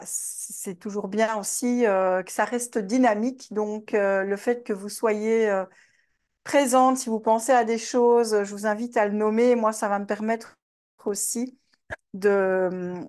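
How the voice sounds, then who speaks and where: A woman from Belgium with a Belgian French accent, hosting a live online master class. She talks in a chatty way, greets attendees by name and fills her pauses with hesitations. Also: mid-range voice, steady tone, a little mellow. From Belgium, Namur region. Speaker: webinar host and trainer.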